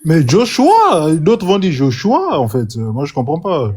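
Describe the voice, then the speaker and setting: A man's voice: a little high, expressive, fairly quick, mellow, husky. A man in a religious debate, defensive and frustrated. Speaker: debate participant.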